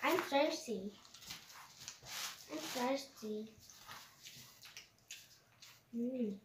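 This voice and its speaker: A child talking casually to their mother with a mouth full of pizza, in slow, high, childish speech. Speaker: young eater on a family eating show. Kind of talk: casual chat with family. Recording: roomy, distant, noisy home recording.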